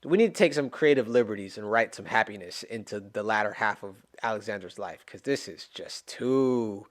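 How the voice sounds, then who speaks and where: A man giving casual reaction commentary to a stage musical, animated, emotional and exclamatory, rambling as he talks. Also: fairly low pitch, moderate pace.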